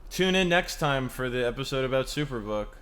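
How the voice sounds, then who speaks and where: A man's voice: mid-range voice, animated, brisk, a bit bright. A man co-hosting a casual podcast, rambling and swearing as he retells a show and acts out its lines. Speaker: podcast co-host. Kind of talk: casual chat.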